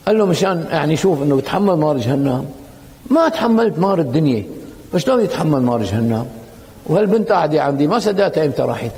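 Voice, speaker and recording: A man's voice: sits high, vocal fry, in a large hall. A man preaching a colloquial sermon, telling stories and acting out the dialogue. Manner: animated, acts out quoted dialogue in storytelling.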